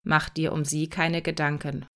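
A woman voicing a calm, patient male factory robot who explains things in an instructive way. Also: low voice, normal speed, pitched below the performer's own voice, natural voice.

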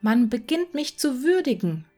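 A woman's voice: high voice, big pitch swings, normal speed, dark tone, faint music behind, voice pushed up. A woman voicing a poor young male student in a whispered role-play, eager and exclaiming. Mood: delighted.

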